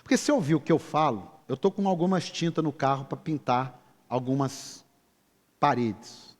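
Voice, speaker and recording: A man's voice: medium pitch, expressive, moderate pace. A man with a Brazilian Portuguese accent preaching a sermon, emphatic and firing rhetorical questions at his congregation. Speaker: pastor. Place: large church hall. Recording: reverberant church hall with soft music.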